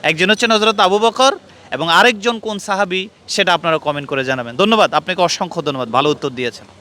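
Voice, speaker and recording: A man's voice: high voice, quick pace, pushed and bright. A man hosting a street quiz interview outdoors, earnestly questioning passers-by and lecturing them. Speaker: street interviewer and channel host. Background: traffic and street noise.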